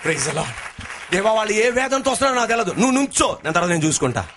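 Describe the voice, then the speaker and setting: A male pastor preaching a sermon, swinging between shouted sing-song lines and lower talk, calling the congregation to answer back. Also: big pitch swings, rapid-fire, some chatter behind, slight background noise.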